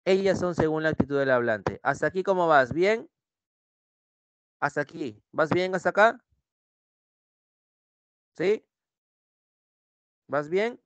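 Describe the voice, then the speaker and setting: A young man with a Peruvian Spanish accent gives a pre-university language lesson. His voice sits a little high and sounds dry and close. He repeats each point and keeps checking that students follow. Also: animated, slow pace, pauses often, fairly bright tone, no room sound. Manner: repetitive, checks in with students using "¿sí?". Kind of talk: online class lecture.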